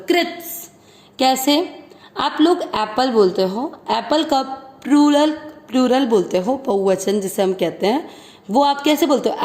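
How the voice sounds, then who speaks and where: Woman, high voice, unhurried, as a patient recitation teacher in a roomy space. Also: darkish tone. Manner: patient, explains each syllable, chants the verse slowly and drawn out. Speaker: Sanskrit pronunciation teacher. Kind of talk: step-by-step recitation lesson. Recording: roomy echo.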